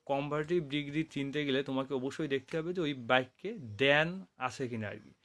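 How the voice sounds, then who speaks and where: A man from Bangladesh, a college English lecturer, explaining grammar to students in Bengali mixed with English terms, repeating key phrases, correcting himself often and reading definitions out slowly. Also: mid-range voice, a bit bright. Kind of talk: classroom grammar lecture over slides.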